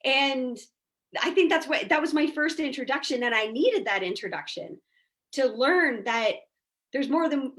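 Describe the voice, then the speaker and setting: A woman guest on a podcast, a mindset coach, telling stories in a chatty, animated way and often asking "right?". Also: high-pitched, measured pace. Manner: chatty, animated storyteller, peppers speech with "like" and "right?". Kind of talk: casual podcast conversation.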